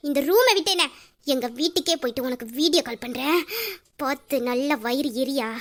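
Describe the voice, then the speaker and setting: A woman's voice: high voice, natural voice. A woman voicing a feisty, sassy young wife in an audio drama, with defiant muttered asides.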